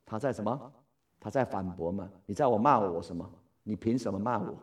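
A man teaching a Bible study in a lively way, asking his listeners questions and then answering them himself. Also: lowish voice, brisk, far from the mic.

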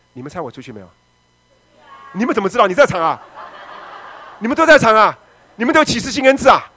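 Brief: middle-aged male pastor, rapid testimony sermon, higher-pitched delivery, dramatic swings. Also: breathy edge, no echo. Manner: dramatic storytelling, swings from loud shouting to quiet.

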